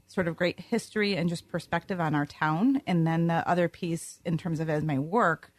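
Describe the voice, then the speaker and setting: A woman's voice: fairly low pitch, normal speed. Composed woman, radio guest. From Greece, New York. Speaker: school superintendent, guest. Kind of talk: radio interview answers. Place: radio studio.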